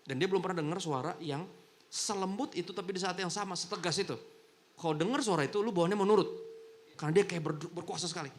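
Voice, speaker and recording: A man's voice: high-pitched, fast talker, a little hiss or hum. A man preaching a sermon as pastor, telling stories casually and acting out the voices of the people in them. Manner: chatty and animated, acts out quoted voices. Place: church service in a hotel ballroom.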